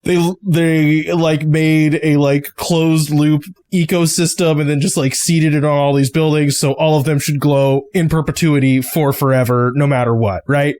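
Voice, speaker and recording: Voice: medium pitch, fairly even intonation, normal speed, few pauses, darkish tone. A game master narrating a tabletop game in a loose way, with lots of fillers.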